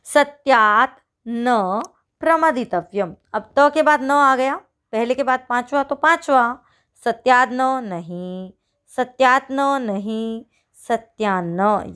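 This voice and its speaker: A woman teacher with a higher voice quizzes her pupils during an online worksheet walkthrough. She talks to them as children, asks and answers her own questions, and draws out each example slowly.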